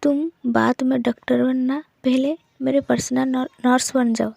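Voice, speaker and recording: A woman's voice: high-pitched, steady tone, measured pace, creaky, warm tone, no room sound, full character voice. A woman voicing a guarded young woman biker with an injured hand, giving curt, lightly teasing replies.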